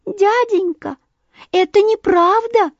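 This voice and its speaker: A woman's voice: very high-pitched, slow pace, no echo, muffled recording, voice pushed up, full character voice. A woman voicing a tiny, timid young male snipe bird in a storybook reading, with a thin, pleading voice.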